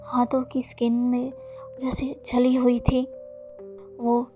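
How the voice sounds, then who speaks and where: A woman narrating fan fiction in a steady, plain storytelling manner. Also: on the high side, slow pace. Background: faint background music.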